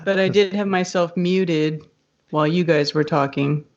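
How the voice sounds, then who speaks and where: A woman's voice: lowish voice, steady tone, moderate pace. A woman calling in to a talk show whose voice sounds hollow and muffled, as if she were talking through a drain pipe. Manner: checking her audio, speaking briefly. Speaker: caller on a call-in show. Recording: hollow, dull, distant call-in line.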